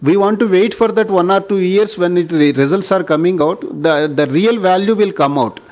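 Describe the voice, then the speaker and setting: Here a bank executive with an Indian accent speaks in a high-pitched, slightly mellow voice at normal speed. He handles analysts' questions on an earnings call in a formal manner, repeatedly using "sir," over dull, lo-fi conference call sound.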